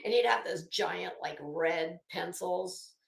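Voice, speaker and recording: Her voice sits on the low side and is creaky, and she takes things slowly as she dramatically reads documents aloud. The online host breaks off for sarcastic, brash, profane commentary in an echoey room.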